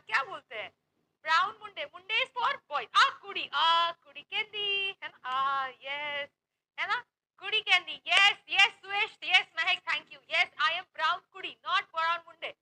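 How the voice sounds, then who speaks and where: Bright, high-voiced playful woman teacher. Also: rough recording. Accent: Uttar Pradesh Hindi. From Uttar Pradesh, India. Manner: chatty, playful, teasing students. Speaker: online maths teacher. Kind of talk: lively online class, Hindi-English mix.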